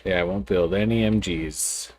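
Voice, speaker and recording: A man's voice: sits low, moderate pace. A man streaming a game and chatting casually with his friends. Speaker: streamer hosting friendly matches. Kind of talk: casual gaming chat. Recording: clearly noisy gaming voice chat. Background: background noise and ambience.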